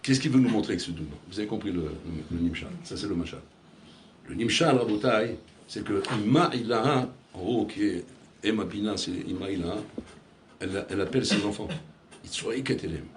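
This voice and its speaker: A man's voice: fairly low pitch, fairly quick, a little hiss or hum. A man giving an impassioned sermon as a rabbi, telling a story with many repeated phrases and direct calls to his listeners.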